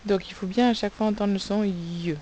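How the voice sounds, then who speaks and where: A woman teacher giving a recorded spelling lesson for young pupils, slowly sounding out words and spelling them letter by letter. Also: medium pitch, steady tone, mellow, a little hiss or hum. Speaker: primary school teacher.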